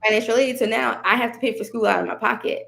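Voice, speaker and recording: Gravelly-voiced woman telling her story. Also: on the high side, fast talker. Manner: animated, laughs often, quotes herself and others. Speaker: podcast guest. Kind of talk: casual conversational storytelling.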